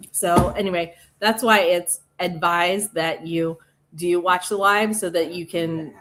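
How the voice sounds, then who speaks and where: A woman with a Midwestern accent hosting a casual livestream, chatty and quick to laugh. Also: fairly low pitch, background noise. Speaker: livestream host.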